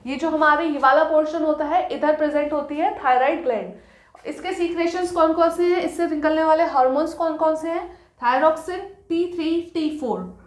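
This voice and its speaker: A woman teaching a science lesson, who explains step by step, asks her own questions and answers them, and reads notes slowly. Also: high-pitched, reverberant. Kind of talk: recorded classroom lecture.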